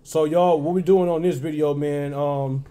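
A man from Arkansas hosts a casual reaction video, chatting in a loose, laid-back way packed with fillers. His voice is fairly high and mellow, with a steady tone and moderate pace.

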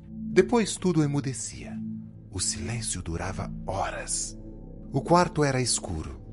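A man narrating a dark audiobook in an expressive storytelling voice over background music. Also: lowish voice.

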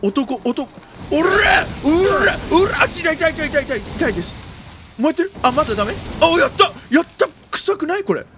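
A man doing jumpy let's-play commentary of a horror game, often repeating exclamations quickly and using old-man turns of phrase. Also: very high voice, big pitch swings, background noise. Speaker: video game streamer.

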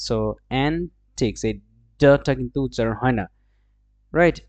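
A man teaching an English listening lesson, slowly modeling example sentences between explanations. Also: mid-range voice, a little mellow, no echo. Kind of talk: language lesson.

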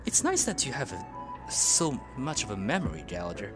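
A male game streamer talks a little fast in a mid-range voice whose pitch swoops wildly. He chats playfully about his gameplay, reacting and repeating character lines, with video game music beneath him.

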